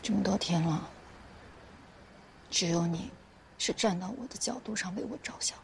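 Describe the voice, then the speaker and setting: An actress playing an anxious young mother in a TV drama, softly soothing a baby. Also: fairly low pitch, moderate pace, vocal fry, slight background noise. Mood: grateful. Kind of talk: TV drama acting. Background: music.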